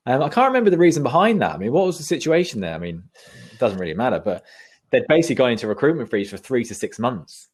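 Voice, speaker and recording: A man's voice: mid-range voice, very animated, fast talker, breathy edge. A man reminiscing casually as a podcast guest, with an informal, matey, sometimes sweary way of talking.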